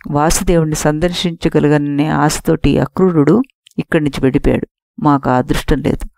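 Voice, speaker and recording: A woman voicing an angry elder nobleman who scolds a tyrant king in a forceful manner, in an audiobook story. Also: low-pitched, gravelly, no echo. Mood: lamenting.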